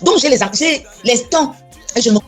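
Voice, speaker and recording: A woman's voice: sits high, expressive, moderate pace, soft background music. A woman in a casual chat, blunt and insistent, often repeating herself. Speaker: co-host.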